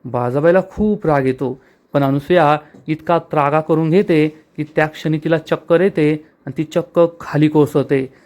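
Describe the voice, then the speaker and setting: Brief: man retelling a TV episode, lively and chatty, addressing listeners directly. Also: on the high side, normal speed. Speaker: episode recap narrator. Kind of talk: storytelling recap of a TV serial.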